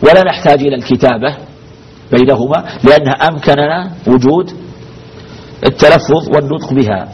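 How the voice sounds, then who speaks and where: Quick-talking male sheikh quizzing his class. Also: on the high side, darkish tone, slightly rough. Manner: poses questions to the class, repeats key phrases. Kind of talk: religious law lesson. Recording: dull lo-fi recording with faint noise.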